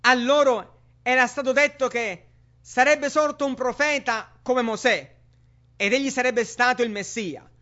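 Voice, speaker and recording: A man's voice: very high voice, measured pace, sharp tone. A man preaching a sermon with emphatic rhetorical questions to the congregation. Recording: dull lo-fi sermon recording.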